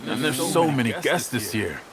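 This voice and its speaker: A man's voice: medium pitch, big pitch swings, normal speed, rough recording. An actor playing an anxious, deferential man who serves a village leader, in video game drama style. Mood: worried, pleading. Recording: loud crowd chatter and game ambience behind.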